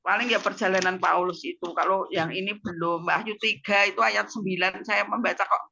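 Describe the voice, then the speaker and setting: A woman's voice: mid-range voice, fairly even intonation, brisk, creaky, sharp tone. Javanese-accented woman, lo-fi video call. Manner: emotional storytelling, frequent tag words. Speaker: guest giving a testimony. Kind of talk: personal testimony over a video call.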